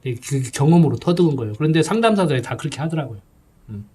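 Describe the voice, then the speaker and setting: A man's voice: a little high, lively intonation, very fast, mellow, husky. A middle-aged male pastor preaching a sermon in a folksy, conversational way, often checking in with his listeners.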